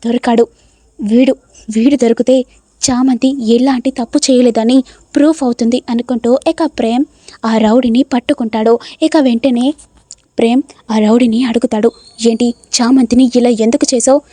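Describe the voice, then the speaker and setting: Woman recapping a tv serial, high voice, mellow tone, dry close sound. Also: fairly even intonation, normal speed, dry recording. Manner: plainly retells scenes, reading each character's lines with small shifts. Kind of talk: retelling a TV serial episode, voicing all characters in quotes.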